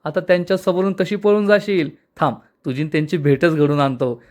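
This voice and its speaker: A man's voice: a little high, steady tone, fairly quick, close to an everyday voice. Man retelling as a gloating jailed crook. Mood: taunting. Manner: taunting, mocking. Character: boastful scheming jailed male crook, gloating. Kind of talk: retelling a TV serial episode.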